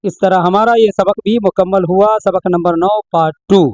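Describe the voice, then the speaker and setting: A man's voice: high-pitched, fairly even intonation, moderate pace, a little mellow, low-quality recording. A man teaching Urdu reading, patiently sounding out each letter and asking the learner what the word says. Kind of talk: slow spelling-out lesson.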